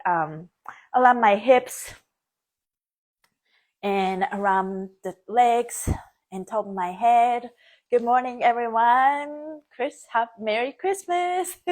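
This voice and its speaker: A woman born and raised in Japan, hosting a casual live stream, chatty with frequent laughs and many fillers. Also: fairly high pitch. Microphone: phone or webcam, live stream.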